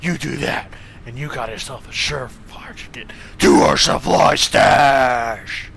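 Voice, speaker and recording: A man's voice: mid-range voice, unhurried, gravelly, a bit bright, soft background music, pitched below the performer's own voice. A man voicing a swaggering male gang member in a drawling, surfer-like voice. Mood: sly.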